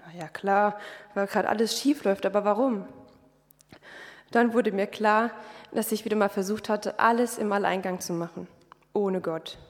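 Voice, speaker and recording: A woman's voice: medium pitch, normal speed. A young woman, a trainee housekeeper, giving a candid, colloquial personal testimony to a congregation. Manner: candid, lively storytelling with colloquial words. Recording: long reverb of a hall.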